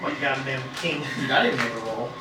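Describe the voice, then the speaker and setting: A woman's voice: rumbling low, steady tone, quick pace, over loud music. A woman playing a tabletop game, joking in casual chat. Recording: echoey room, distant mic, clear background noise.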